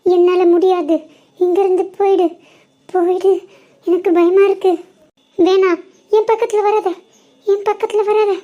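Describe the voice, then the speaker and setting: A woman's voice: extremely high pitch, little pitch movement, measured pace, pauses often, dark tone, lo-fi sound, a little hiss or hum. A woman voicing a frightened little cartoon schoolgirl. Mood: terrified. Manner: pleading, jittery.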